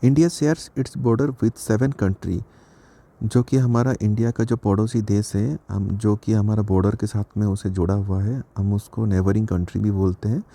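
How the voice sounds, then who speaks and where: A man teaching geography, reading each fact slowly and then explaining it. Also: fairly low pitch, level tone, warm tone.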